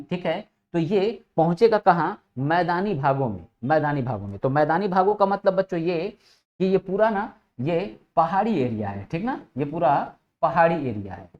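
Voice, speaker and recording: A man's voice: fairly high pitch, animated, normal speed, darkish tone. A male teacher giving an exam-prep geography lesson, addressing his students as children, asking questions and answering them himself, and repeating key words over and over. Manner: repeats key words with frequent "ठीक है" checks. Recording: dull lo-fi audio.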